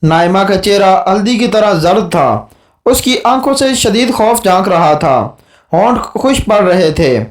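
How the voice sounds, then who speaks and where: High-voiced man narrating a horror audiobook. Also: expressive, roomy sound, distant mic. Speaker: storyteller.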